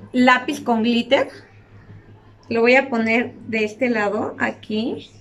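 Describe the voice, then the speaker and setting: Chatty woman gushing over makeup. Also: a little high. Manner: chatty, addresses viewers as girls, gushes over colors. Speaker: beauty vlogger. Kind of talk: makeup tutorial chat.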